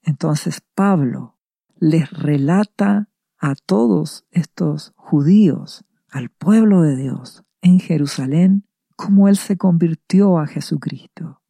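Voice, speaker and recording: Preacher with a gravelly, deep-toned delivery who poses questions and answers them himself; unhurried sermon pacing. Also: mellow, no room sound, studio quality. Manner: deliberate, asks and answers rhetorical questions. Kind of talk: radio sermon reading scripture.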